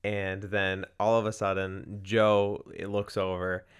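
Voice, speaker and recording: A man's voice: deep voice, flat delivery, takes it slowly, clean tone. A young man co-hosting a movie podcast, rambling casually and acting out lines from scenes. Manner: rambling, many likes, acts out quotes loudly. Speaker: podcast co-host. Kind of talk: casual movie review chat.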